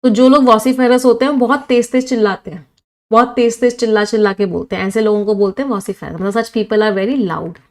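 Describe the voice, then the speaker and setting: A woman's voice: a little high, fairly even intonation, a little fast. A woman teaching English vocabulary for exams in a live online class, switching between Hindi and English and asking questions she answers herself. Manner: reads chat comments from live viewers. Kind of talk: live online exam-prep vocabulary lesson.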